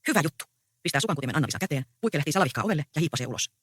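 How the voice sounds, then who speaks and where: Bright voice reading stage directions. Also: mid-range voice, animated, breathy edge, dry recording, studio quality. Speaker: reader. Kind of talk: reading a play aloud.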